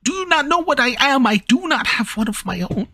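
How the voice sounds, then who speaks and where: Man putting on a stammering, nervous young creature, pitched high. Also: big pitch swings, brisk, sharp tone, exaggerated voice. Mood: anxious, defensive. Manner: stammering, repeats and breaks off words. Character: nervous young bird-creature voice thief, pleading and defensive.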